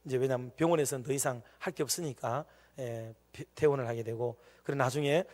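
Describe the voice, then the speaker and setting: Emphatic preacher, church reverb. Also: male voice, medium pitch, quick pace. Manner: emphatic, swings between loud urging and quiet narration. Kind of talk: sermon with storytelling. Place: church sanctuary. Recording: long reverb of a church hall.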